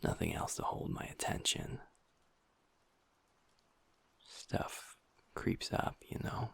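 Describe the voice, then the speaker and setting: A man voicing Ash, a gentle young werewolf boyfriend and pack beta, weighed down by guilt, talking softly and intimately to his partner in an audio roleplay. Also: slow, close to an everyday voice. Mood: subdued. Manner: soft, hushed, intimate talk to a partner.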